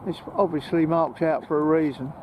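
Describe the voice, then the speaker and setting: Strolling outdoors in a park, this male vlogger chats to the camera casually and with some hesitation. He speaks at a moderate pace in a steady, slightly high voice. The audio is muffled and noisy, with wind blowing.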